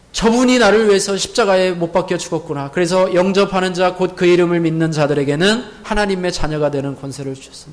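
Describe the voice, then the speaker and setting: A male pastor preaching a Sunday sermon in a church. He asks the congregation rhetorical questions, repeats key words, and has them repeat lines after him. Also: high voice. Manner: leads the congregation in call-and-repeat. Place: church sanctuary.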